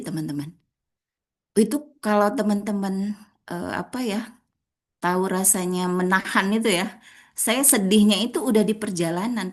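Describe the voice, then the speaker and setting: A woman with an Indonesian accent leading a public speaking workshop, talking directly to the participants and acting out rising and flat intonation as examples. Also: mid-range voice. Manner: addresses audience as friends, demonstrates intonation.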